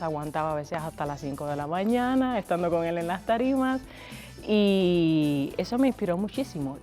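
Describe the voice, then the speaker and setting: A woman's voice: deep voice, darkish tone. A woman with a Cuban accent, a flutist and conductor, telling her story in a reflective interview. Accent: Cuban Spanish. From Cuba.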